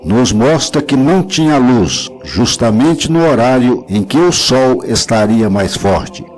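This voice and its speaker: Slow, solemn man over soft music. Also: mid-range voice, big pitch swings, poor audio. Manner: solemn, measured reading of scripture. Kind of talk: slow scripted devotional narration.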